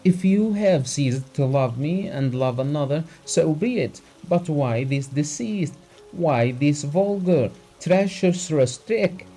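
A man's voice: fairly high pitch, expressive, unhurried, few pauses, warm tone, slightly rough, faint music behind, voice pushed up, heavily acted, low-quality recording. A man voicing a distraught, tearful nobleman pouring out his heartbreak in an audiobook reading. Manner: raised, pleading, emotional.

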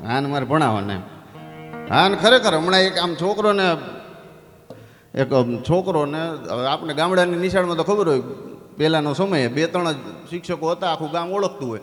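Saurashtra-accented man telling stage comedy, hall reverb. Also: fast. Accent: Saurashtra Gujarati. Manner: animated, acts out other people's voices with sudden jumps in pitch. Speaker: comedian and storyteller. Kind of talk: live folk-stage comedy storytelling. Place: stage before a live audience. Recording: live hall with long reverb and faint music.

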